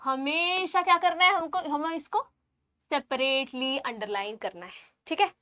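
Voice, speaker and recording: A woman teaches biology in an online exam-prep lecture, spelling out terms slowly and checking in with the class as she writes on screen. Her voice is high-pitched, pushed and bright, with slight background noise.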